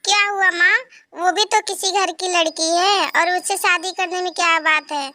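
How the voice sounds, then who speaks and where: A man's voice: very high voice, fairly even intonation, moderate pace, bright, forceful tone, no echo, full character voice. A man voicing a stubborn, devoted young son in a cartoon, talking firmly. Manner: firm, pleading with his mother. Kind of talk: cartoon voice acting.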